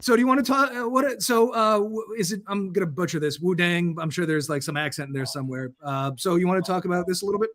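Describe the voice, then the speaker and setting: A man's voice: sits high, fast, hardly any pauses, a bit bright. A man co-hosting a podcast, asking questions in a joking, playful way. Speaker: podcast co-host. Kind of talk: casual interview chat.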